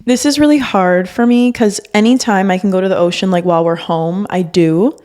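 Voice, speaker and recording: A young adult woman whose first language is Spanish co-hosts a podcast, chatting informally and candidly. Her voice is medium-pitched with a darkish tone, and she talks a little fast.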